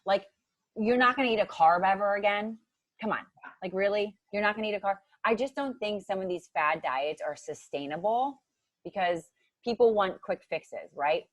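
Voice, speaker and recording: She has a medium-pitched voice at normal speed, recorded with no room sound. This Ohio woman in her thirties is a chatty podcast guest talking about nutrition coaching, frequently saying "like" and acting out quotes.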